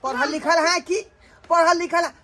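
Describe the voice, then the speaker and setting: A man's voice: very high voice, fairly even intonation, normal speed, bright, forceful tone, slight background noise. A man acting a goofy, boastful young village bridegroom in a comedy skit, rambling clownishly with a Maithili accent.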